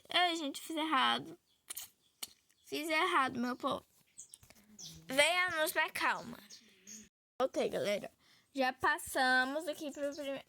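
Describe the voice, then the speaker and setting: A woman's voice: high voice, pushed and bright, a little hiss or hum. A young Brazilian woman chatting casually to viewers while playing a phone game, talking to them constantly. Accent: Brazilian Portuguese. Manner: chatty, addresses viewers often. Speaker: gaming vlogger. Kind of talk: casual gameplay chat. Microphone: phone recording.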